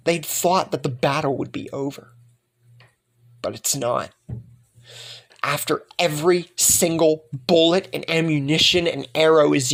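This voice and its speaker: Slow gravelly young man telling a story. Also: fairly high pitch, a bit bright. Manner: slow, dramatic, repeats words for emphasis. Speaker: fan-fiction narrator. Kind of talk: dramatic improvised story narration.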